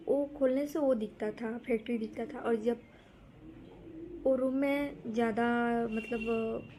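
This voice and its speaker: A woman's voice: fairly high pitch, fairly even intonation, measured pace, dark tone, a little hiss or hum. Young woman telling a scary true story. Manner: rambling, restarts and repeats words. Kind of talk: casual personal storytelling.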